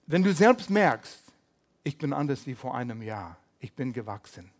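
Preaching in German at a normal pace and medium pitch, an older pastor keeps his sermon lively and funny despite minor language slips.

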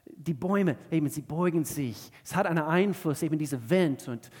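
A male pastor from the southern United States, preaching an earnest sermon in German with many halting restarts. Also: on the high side, darkish tone, breathy edge, long reverb tail. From Georgia, southern USA.

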